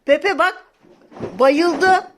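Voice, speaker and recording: A young woman, a mother, talking playfully to viewers and her toddler in an animated, coaxing, exclamatory way. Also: extremely high pitch, drawn-out words, slight background noise. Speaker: mother playing with her child on camera.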